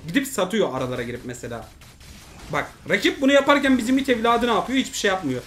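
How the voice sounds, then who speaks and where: Man streaming, yelling at teammates. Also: sits high, very animated, quick pace, slight background noise. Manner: swings from muttering to furious shouting at teammates; swears and scolds teammates. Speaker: mobile game streamer. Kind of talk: live gameplay commentary.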